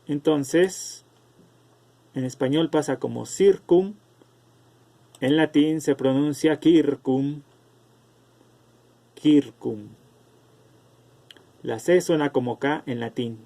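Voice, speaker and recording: Male teacher for an online lesson, gravelly and dark-toned, slow delivery, calls on students by name over a video call. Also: on the high side. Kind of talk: online class lecture.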